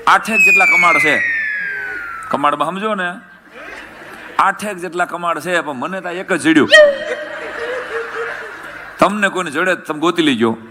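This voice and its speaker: A man doing a comic routine, joking and shouting out mock announcements. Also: fairly high pitch, measured pace, pauses often, very noisy.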